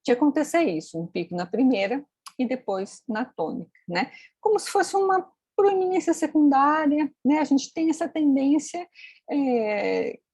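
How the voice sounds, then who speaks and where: A woman's voice: sits high, very animated, moderate pace, a little mellow, dry recording. A woman teaching phonetics in a screen-recorded tutorial, explaining step by step and checking in with tag questions. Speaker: phonetics instructor.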